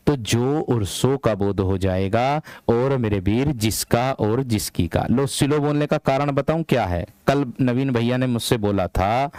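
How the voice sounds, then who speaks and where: A young man teaching a live online Hindi grammar class for police exam students. He speaks slowly and deliberately, repeats phrases and calls the students "my brave one" in a firm, hard-edged voice. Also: medium pitch, a little mellow, dry recording. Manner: deliberately slow, drawn-out delivery.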